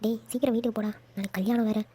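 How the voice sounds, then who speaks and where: A woman telling an audio story, acting out lively dialogue among several characters. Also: fairly high pitch, racing, husky. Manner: animated, switching between characters. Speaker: storyteller voicing all roles.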